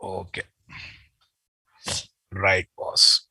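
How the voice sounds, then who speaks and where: A man with a Telugu Indian accent leads a casual online class in a bright, forceful voice. He takes his time, repeating phrases for his learners. The sound is dry and close. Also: sits low, completely flat delivery, very slow, gravelly, breathy edge, dry recording. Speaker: software instructor. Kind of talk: informal live online lesson. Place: indoor room, video call.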